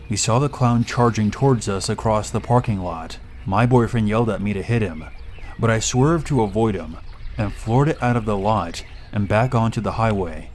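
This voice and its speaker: A man reading a first-person horror story aloud in a steady, measured way. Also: lowish voice, slight background noise. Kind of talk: scripted horror story narration.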